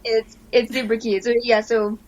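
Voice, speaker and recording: Casting: young woman podcast co-host, high voice, giggly and rambling, casual recap. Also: flat delivery, moderate pace, darkish tone, lo-fi sound. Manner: giggly, rambling, acts out lines from the episode. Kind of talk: casual cartoon recap chat.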